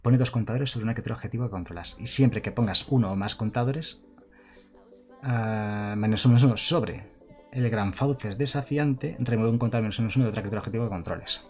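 A man's voice: lowish voice, fast talker, a little mellow, soft background music. A man commenting live on his card game, chatting casually and reading viewer messages aloud. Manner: chatty, reads chat aloud and thanks followers. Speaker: streamer.

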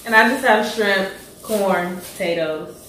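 A blunt, opinionated woman in a casual mealtime chat, often trailing into quiet asides. Her voice sits at a middle pitch. She sounds far from the mic in a very echoey room. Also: a little slow, a little hiss or hum. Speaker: co-host friend. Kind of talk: casual chat over a meal.

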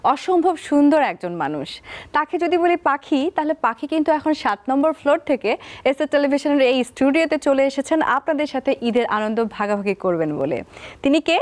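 A woman's voice: high-pitched, animated, fairly quick. Upbeat woman hosting a talk show. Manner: upbeat, teasing, mixes in English phrases. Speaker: TV show host. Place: TV studio.

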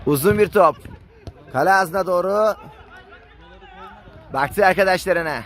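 Screaming, very high-pitched male football commentator. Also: unhurried, fairly bright tone, some chatter behind. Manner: screams goal calls, stretching words out. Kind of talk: live amateur league football commentary.

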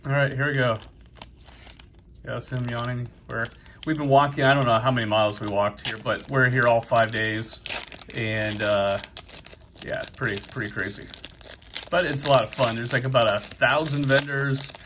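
In a busy convention hall, a middle-aged card-collecting vlogger with a New England accent opens trading card packs, his medium-pitched voice steady at a moderate pace. His casual commentary is upbeat and packed with fillers, over background noise.

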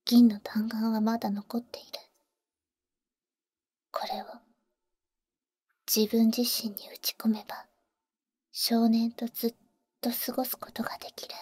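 Resigned and devoted, a woman voices a protective vampire big sister in Japanese ASMR roleplay, whispering intimately right against the microphone. Her high, breathy voice is darkish and barely shifts in pitch, her slow, halting tsundere lines blunt but tender. There is no echo at all, just a completely dry sound.

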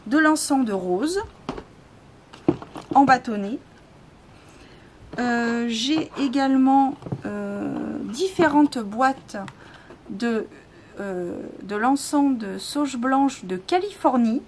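A woman showing items she sells in a casual video, speaking slowly with many fillers and self-corrections. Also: a little high, expressive, darkish tone. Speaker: spiritual seller showing items for sale. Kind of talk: casual product show-and-tell. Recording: noisy home recording.

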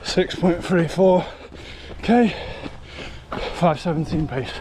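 Slow-paced and a little high, this twenties-aged English-accented man runs a forest trail, breathless, making a casual fitness vlog. His action camera, held at arm's length, picks up noisy outdoor audio.

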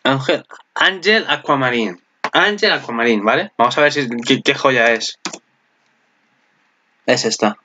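A man with a Spain Spanish accent giving excited reaction commentary, gushing, swearing and squealing in delight. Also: mid-range voice, a little slow, pauses often, slight background noise. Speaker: anime reaction channel host.

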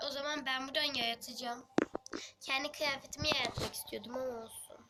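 A woman with a sore throat and a nearly gone voice, giving casual let's-play commentary, speaking quietly and often slipping into a half-whisper. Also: sits high, steady tone, fast, heavy background noise. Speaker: game channel host.

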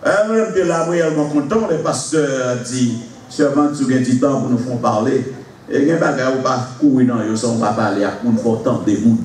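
A pastor preaching a sermon to his congregation, shifting from slow explanation to shouted exclamations and laughter. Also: medium pitch. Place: large church hall with congregation. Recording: echoey hall, far from mic, congregation noise.

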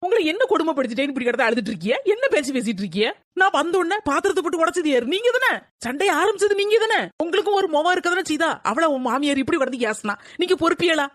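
A woman voicing a young, quick-tempered daughter-in-law in a cartoon, indignantly arguing back. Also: high voice, lively intonation, dry recording, studio quality. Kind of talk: cartoon voice acting.

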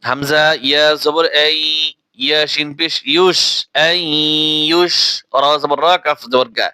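Slow, bright-voiced Bangladeshi Quran teacher. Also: male voice, a little high, smooth, no echo. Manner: slow, deliberate, drawn-out recitation. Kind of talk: spelling out Arabic letter by letter, then chanting.

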